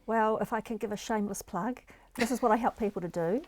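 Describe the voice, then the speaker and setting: A middle-aged woman with a New Zealand accent speaks fast in a mid-range voice. She is a guest in an interview conversation, explaining happiness and resilience in an earnest, encouraging way.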